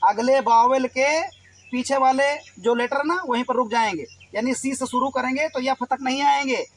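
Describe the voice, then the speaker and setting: Man, teacher, very high pitch, patient, spells out letters one by one. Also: normal speed, fairly bright tone, a little hiss or hum, low-quality recording. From Uttar Pradesh, India. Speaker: English reading teacher. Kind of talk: Hindi-language phonics lesson.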